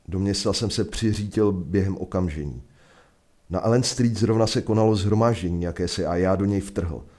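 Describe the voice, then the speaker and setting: A Czech man telling a first-person adventure story in a measured, vivid narration. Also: deep voice, a little mellow. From Czech Republic.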